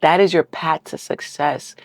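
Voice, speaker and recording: A woman's voice: deep voice, fairly even intonation, measured pace, no room sound. Encouraging woman giving a tarot reading. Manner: encouraging, affirming, keeps asking "right?"; heartfelt, close to tears at times. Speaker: tarot reader. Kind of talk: casual collective tarot reading.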